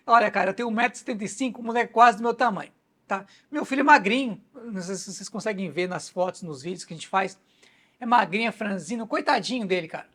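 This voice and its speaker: A man's voice: high voice, fast talker, fairly bright tone. A man with a Brazilian accent, speaking casually to camera as a vlogger and telling a story indignantly, with frequent tag questions. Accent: Brazilian Portuguese. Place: home in Japan.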